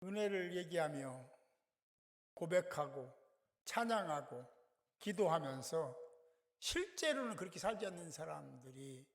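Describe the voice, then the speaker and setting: A man's voice: fairly high pitch, big pitch swings, measured pace, pauses often, long reverb tail. A male pastor giving an emphatic sermon that swells suddenly in volume, recorded in a church sanctuary.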